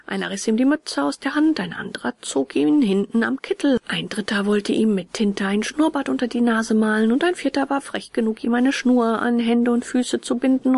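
A woman reading a children's story aloud in a soft, often whispered narration. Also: fairly high pitch, creaky, breathy edge, dry recording.

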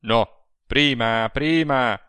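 A man reading an audiobook, voicing a burly, brooding man who speaks in a rough, tense tone. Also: mid-range voice, extremely slow, dry recording. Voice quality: rough, dark tone.

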